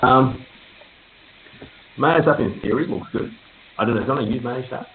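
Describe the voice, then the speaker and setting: A man's voice: medium pitch, moderate pace. A man hosting a casual business meeting over a group voice call. He talks in a chatty way, with many fillers and laughs between points. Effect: group voice call, heard over a conference line. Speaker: meeting host for a real estate network. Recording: tinny echoey call line with faint hiss.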